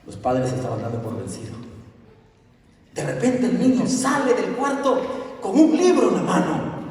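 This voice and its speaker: A man preaching a storytelling sermon, his high voice swinging widely in pitch. He calls on the congregation to join in. He sounds distant, with long reverb ringing around a big hall. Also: moderate pace. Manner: animated, asks the congregation to repeat after him. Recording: echoey hall, voice from far off.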